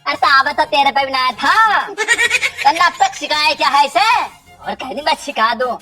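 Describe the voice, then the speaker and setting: A woman's voice: high voice, expressive, normal speed, bright, forceful tone. A woman playing a village husband and father who mocks and bickers with his wife in a comedy skit. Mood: mocking. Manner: mocking, bickering.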